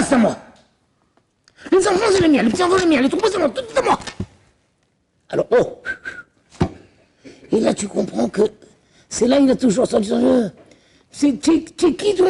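A man putting on a scheming, possessive old schemer who lords it over everyone, his voice pushed well above its usual pitch. He taunts and threatens, claiming everything as his own. His tone is bullying and smug. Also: vocal fry, a little mellow, heavily acted. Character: boastful, menacing older man, Laban the scheming father-in-law.

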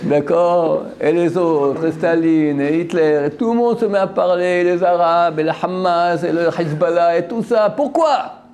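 A man teaching a religious lesson in an animated way, quoting verses, translating them, and asking and answering his own questions. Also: sits high, measured pace, slight background noise. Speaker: Torah teacher.

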